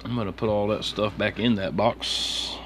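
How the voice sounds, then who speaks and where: Indoors at his desk, a man with a lowish voice chats casually about his card collection on stream, going through items one by one at normal speed. His delivery is a slangy, relaxed mutter, backed by steady room noise.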